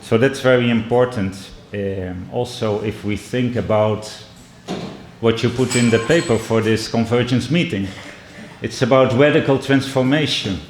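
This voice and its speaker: A middle-aged man from the Netherlands with a Dutch and Brazilian accent, giving a measured keynote speech and telling stories, often pausing and restarting. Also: mid-range voice, a little hiss or hum. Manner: measured, with frequent restarts and pauses. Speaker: keynote speaker. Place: indoor conference hall. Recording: echoey hall.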